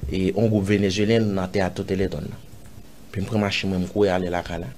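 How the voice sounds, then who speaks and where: A man with a Haitian accent, an interview guest recounting a personal story, acting out other people's lines with sudden loud jumps and dropping to murmurs. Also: brisk, background noise. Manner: animated, acts out others' lines in raised voice; drops to low murmurs and whispers.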